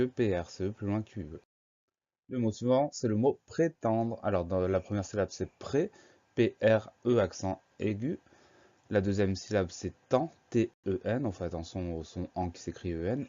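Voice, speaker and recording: A low-voiced male teacher with a mellow tone walks through a spelling lesson, spelling each word letter by letter. He speaks slowly and patiently. The recording is a bit dull and lo-fi.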